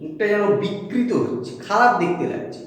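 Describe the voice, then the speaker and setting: A man teaching a lesson on vowel sounds, repeating each sound slowly and checking again and again that his students follow. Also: sits high. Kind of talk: spoken grammar lesson on vowels. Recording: very echoey room with long reverb.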